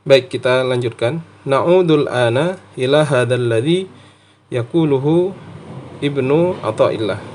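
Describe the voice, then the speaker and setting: An Indonesian-accented man teaching a text lesson, reading out Arabic and translating it piece by piece with deliberate, over-enunciated words. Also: mid-range voice, a little mellow.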